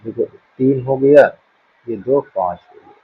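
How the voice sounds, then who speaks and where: A man's voice: mid-range voice, slow pace, breathy edge. A man teaching a school maths lesson, patiently working through counting problems and often checking that students follow. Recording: dull dry lo-fi room sound.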